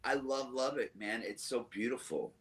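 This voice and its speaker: A man's voice: mid-range voice, normal speed. A young man from the Southern United States, a musician guest chatting in an interview, rambling fondly with many fillers and restarts. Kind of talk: casual interview chat.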